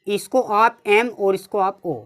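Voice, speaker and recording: A woman's voice: mid-range voice, steady tone. Woman, North Indian accent, maths teacher, calls students children, patient step-by-step explaining. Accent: Hindi-speaking North Indian. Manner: keeps addressing the class as "children", repeats steps slowly. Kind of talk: whiteboard maths lesson.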